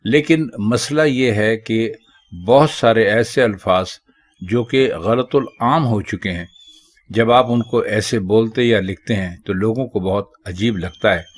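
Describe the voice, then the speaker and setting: In a lowish voice, a man teaches Urdu, walking through the correct spelling and pronunciation of common words in a measured, deliberate manner.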